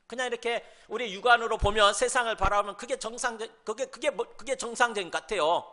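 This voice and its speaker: A man's voice: very high-pitched, fast, sharp tone. A male pastor giving a sermon in a conversational way, asking rhetorical questions and briefly mimicking scoffers. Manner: mimics scoffers in mocking asides.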